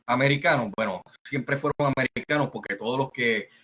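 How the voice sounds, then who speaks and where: A man with a Puerto Rican Spanish accent telling a family story in a slow, rambling way, full of fillers and restarts. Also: mid-range voice, sharp tone, rough recording. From Puerto Rico. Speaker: channel host. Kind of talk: casual storytelling monologue.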